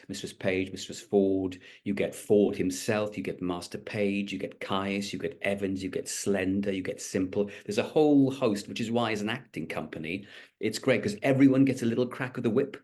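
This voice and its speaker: This is a middle-aged Welsh stage actor, lightly accented, giving considered answers in an interview and often starting over or using fillers. His voice is on the low side and a little mellow.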